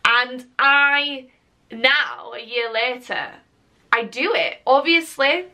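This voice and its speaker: A woman's voice: sits high, takes it slowly, sharp tone. A young woman from the UK, chatting enthusiastically to camera as a YouTuber. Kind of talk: casual vlog talk to camera.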